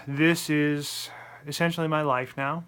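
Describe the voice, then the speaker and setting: A man's voice: fairly high pitch, fairly even intonation, slow, fairly bright tone, clear, resonant tone. A man with a lisp talking casually to the camera in a personal vlog, apologetic and self-deprecating. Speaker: vlogger.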